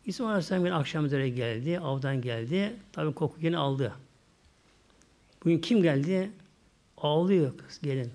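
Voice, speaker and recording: A male preacher telling a religious story in a sermon, repeating himself and often slowing down for emphasis. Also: a little high, a little mellow.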